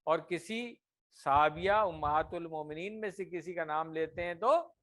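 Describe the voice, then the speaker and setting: A man teaching a grammar class, drilling words slowly and often checking that his students follow. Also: fairly high pitch, a bit bright. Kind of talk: classroom lesson.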